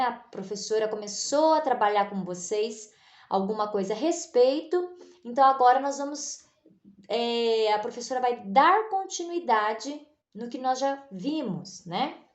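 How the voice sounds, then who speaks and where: A woman teaching children spelling, patient and drawing words out slowly to stress each sound. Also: on the high side, darkish tone. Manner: slow, patient, stretches words out for emphasis. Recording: echoey room.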